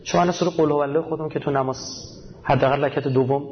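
A man's voice: fairly high pitch, steady tone, slight background noise. A man giving a casual, colloquial religious talk, emphatic and full of rhetorical questions he answers himself, with homely everyday examples. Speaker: religious speaker. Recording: dull lo-fi recording.

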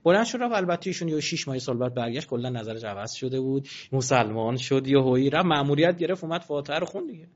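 A man giving a religious talk, slowly reciting verses and swinging from quiet asides to loud, emphatic passages. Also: medium pitch, lively intonation, muffled recording. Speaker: preacher.

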